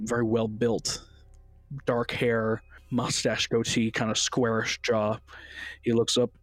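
A man narrating a tabletop game as game master in a relaxed, chatty way with many fillers. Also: mid-range voice.

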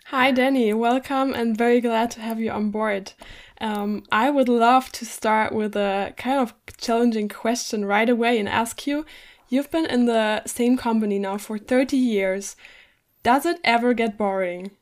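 A woman's voice: a little high, fairly even intonation, unhurried. A woman hosting a podcast, asking questions in an upbeat, enthusiastic way. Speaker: podcast host.

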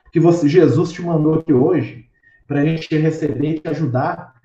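A man voicing a humble elderly male doctor who speaks gently and earnestly with a soft, pleading manner. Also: a little high, normal speed, lightly acted. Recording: roomy, distant, dull sound.

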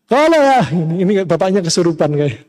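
Middle-aged male preacher a raised pitch; casual sermon delivery that leans on rhetorical questions and dramatized quotes. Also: big pitch swings, fairly quick, a little mellow. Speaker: Islamic preacher.

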